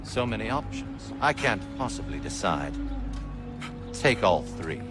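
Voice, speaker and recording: Posh-mannered cold villain, slow n pompous, pitch glides about, music behind. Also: male voice, very animated. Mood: cold disdain. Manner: pompous, mock-polite, deliberate. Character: genteel, cold, haughty male villain, extortionist. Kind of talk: video game acting. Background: game music.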